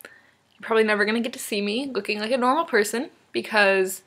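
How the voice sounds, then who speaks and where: A woman's voice: fairly high pitch, a little fast, fairly bright tone. A young woman from Maine rambling to a friend on a webcam at home, giggly and self-deprecating. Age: young adult. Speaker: vlogger. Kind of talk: casual chat to a friend.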